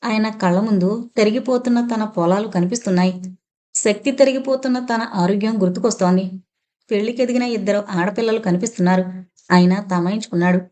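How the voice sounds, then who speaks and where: A woman narrating a family novel as an audiobook reader, in steady scripted narration. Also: mid-range voice, brisk. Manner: steady storytelling.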